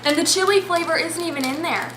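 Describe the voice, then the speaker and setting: A woman's voice: very high-pitched, fast talker. A young woman chatting casually as she hosts a vlog. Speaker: vlogger. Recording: noisy echoey room, clattering dishes.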